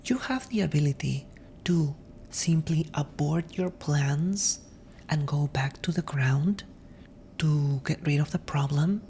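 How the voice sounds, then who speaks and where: Slow and reflective, a woman hosting ASMR talks gently in a mellow, slightly deep voice that is breathy and often turns to whispers. Behind her, a faint low rumble can be heard.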